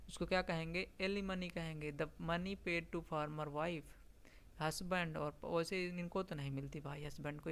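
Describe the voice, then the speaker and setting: A teacher giving an exam-prep vocabulary lesson, explaining patiently, checking often that students follow, and reading English definitions out very slowly. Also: mid-range voice.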